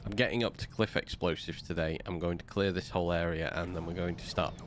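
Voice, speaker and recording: With slight background noise behind him, a man whose voice sits low and keeps a steady tone streams a game, slowly mumbling his building plans to himself. The commentary is casual, and a slight cold makes him a bit snuffly.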